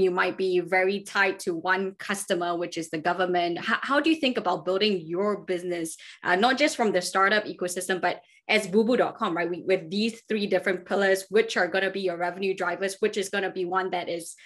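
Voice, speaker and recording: A woman's voice: lowish voice, fairly bright tone. A young woman from Malaysia hosting an interview over a video call, affirming her guest and asking long, carefully framed questions. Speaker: host. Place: home room.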